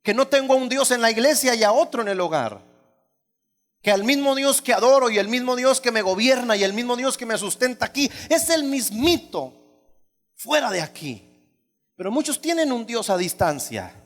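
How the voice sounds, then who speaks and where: A man's voice: animated, moderate pace. A male pastor preaching a sermon, emphatic and conversational, often asking the congregation questions. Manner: emphatic, shifts from loud high exclamations to low asides. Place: church hall. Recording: hall reverb.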